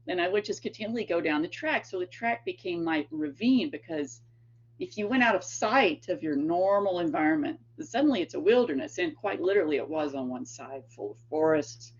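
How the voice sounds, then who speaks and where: In a storytelling lecture, this East Tennessee woman, a guest lecturer and author, rambles chattily through anecdotes, with lots of fillers and laughter. She has a fairly low pitch and a local accent, and the lo-fi recording sounds dull.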